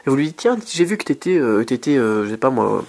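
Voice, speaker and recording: A man from France giving casual advice as a video host, chatty, full of fillers and restarts, with sudden pitch jumps. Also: animated, brisk, gravelly, darkish tone. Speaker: YouTube host.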